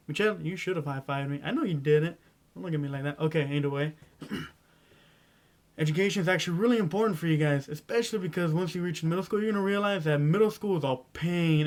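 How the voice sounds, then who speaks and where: A teenage boy rambling through casual school advice in a vlog, clearing his throat often and stumbling over his words. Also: fairly high pitch, fast talker, darkish tone. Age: teens. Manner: rambling, stumbling, self-interrupting. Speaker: vlogger.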